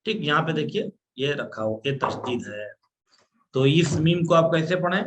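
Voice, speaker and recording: A man's voice: on the high side, lively intonation, normal speed, a bit bright, slight background noise. A man teaching an online class on Quran recitation, patiently explaining rules step by step and drawing out sounds to demonstrate.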